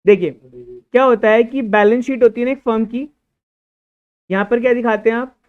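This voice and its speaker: A man with a very high, steady, clear, and resonant voice teaches an accounting class at a fairly quick pace. He explains by posing questions and answering them himself, and he scolds a student, all in a tinny, phone-like lecture recording.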